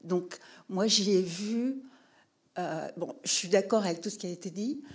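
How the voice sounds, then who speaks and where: A woman in the audience at a public talk sharing her view hesitantly, with many pauses and fillers, and calling herself shy. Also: medium pitch. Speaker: audience member. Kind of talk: question-and-answer remark at a public talk.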